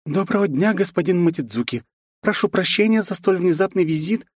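A man's voice: sits high, expressive, a little fast, no room sound, studio quality, voice pushed up. A man reading an audiobook, voicing a sad, formal young woman princess in a polite, subdued way.

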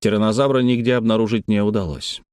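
A man reading an adventure novel aloud as an audiobook narrator, steady and measured. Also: on the low side, clean tone, no room sound, clean studio sound. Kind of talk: scripted narration.

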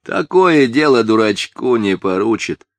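A man's voice: medium pitch, sing-song, no room sound, voice pushed up. Man putting on a pompous little boy messenger. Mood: self-important. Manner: measured, lordly, unhurried. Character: self-important little village boy messenger.

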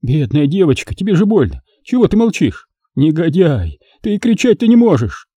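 A man's voice: on the high side, big pitch swings, normal speed, warm tone, husky, no echo, pitched above the performer's own voice. Man doing a panicky fat bald father. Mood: fretful. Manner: fretful, whining, fussing.

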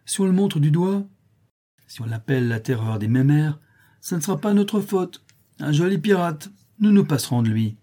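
A man's voice: on the high side, lively intonation, normal speed, mellow, voice pushed up. A man reading a storybook, voicing a proud, stubborn boy who brags and mocks his friends. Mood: scornful. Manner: bragging, scornful. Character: boastful boy pirate captain, proud and stubborn.

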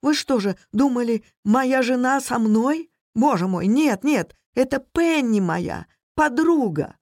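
Brief: reader putting on a higher, shaky, pleading husband, slow and dry. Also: lively intonation, a little mellow, no room sound. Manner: trembling, pleading. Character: frightened, pitiful runaway husband.

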